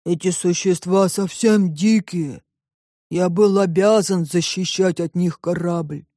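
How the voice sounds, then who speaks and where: A woman voicing a dutiful, stubborn ship's robot in an audiobook, speaking slowly and evenly. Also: on the low side, no echo, clean studio sound. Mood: plodding. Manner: slow, measured, flat report-like speech.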